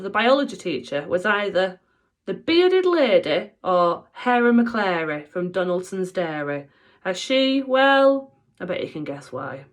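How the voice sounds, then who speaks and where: A woman teacher reading a children's book aloud with playful, expressive delivery. Her pitch rises and falls a great deal as she tells the story and speaks straight to her young listeners.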